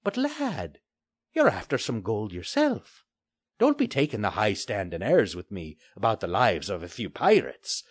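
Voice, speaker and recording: Heavily acted, this husky male performance brings a bulky, scheming pirate to life in a storybook reading, wheedling in a growling, sneering old-style pirate dialect. The pitch swoops wildly as he shifts from high, mocking lilts down to low growls, pacing things a little slowly. The studio sound is clean with no echo.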